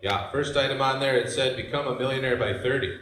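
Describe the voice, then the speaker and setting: A Michigan man in his forties, with the local accent, performs a deadpan stand-up set on a brewery stage for a live audience, tossing loose asides to the crowd. His mid-range voice moves at a quick pace, and the live venue sounds roomy with slight background noise.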